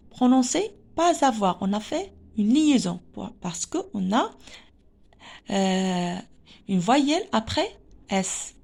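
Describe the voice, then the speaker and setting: A woman teaching French, reading slowly and explaining patiently as in a classroom lesson. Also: medium pitch, gravelly.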